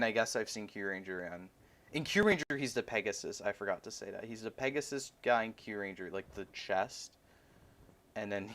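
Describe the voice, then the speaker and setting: A young man chatting casually as he unboxes a toy, rambling and excitable like a fan. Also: on the low side. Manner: rambling, excitable fan talk with frequent laughs. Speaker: toy reviewer.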